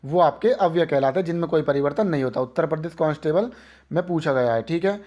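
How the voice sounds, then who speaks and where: A man's voice: fairly high pitch, fast, a little mellow. A man teaching an exam-prep grammar lesson, drilling students with repeated rhetorical questions.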